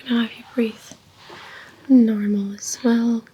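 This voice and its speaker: A woman whispering softly as a clinician in a roleplay, calmly giving gentle step-by-step instructions during a check-up. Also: fairly high pitch, unhurried, husky, rough recording. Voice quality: soft whisper. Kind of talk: ASMR medical exam roleplay.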